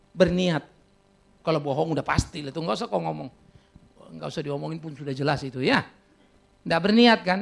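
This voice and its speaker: A middle-aged Indonesian pastor with a Batak accent preaches a sermon, telling stories, teasing his congregation and breaking into laughter. His voice is extremely high-pitched, creaky and a bit bright.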